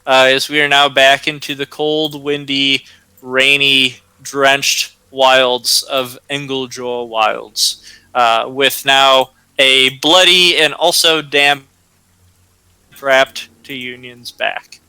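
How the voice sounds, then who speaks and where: A man runs a tabletop game, narrating at a slow, deliberate pace with frequent ums and uhs. His voice is bright and very clear, recorded close and dry. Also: medium pitch, steady tone, no echo, rough recording. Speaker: game master.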